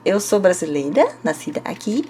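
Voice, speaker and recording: A woman's voice: lowish voice, expressive, moderate pace, mellow, slight background noise. A young woman with a São Paulo Brazilian accent, casually answering viewer comments as a Korean language teacher, full of little fillers. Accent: Brazilian Portuguese, São Paulo. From Brazil, interior of São Paulo state. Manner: chatty, frequent fillers like "né?" and "tá?", laughs a little.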